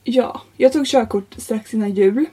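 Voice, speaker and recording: Young woman, podcast co-host, fairly high voice, breathy, animated comic storytelling. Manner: animated, laughs often, swears casually. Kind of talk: casual chat, comic storytelling.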